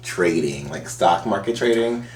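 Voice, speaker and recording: A man's voice: low-pitched, animated, a little slow, far from the mic. A man co-hosting a casual chat podcast, wry and laid-back, swearing casually. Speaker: podcast co-host. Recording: roomy, off-mic.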